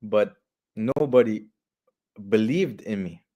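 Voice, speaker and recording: A man's voice: fairly low pitch, takes it slowly, warm tone, dull audio. A young man in his twenties from Canada, a football player talking candidly in an interview and repeating phrases for emphasis. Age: 20s. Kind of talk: casual interview talk.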